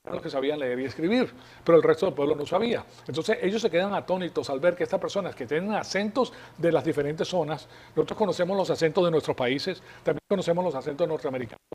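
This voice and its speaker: Male preacher, fairly high voice, patient explanatory sermon delivery. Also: quick pace, a little mellow, a little hiss or hum. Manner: explanatory, rhetorical questions to congregation. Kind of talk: Bible teaching sermon.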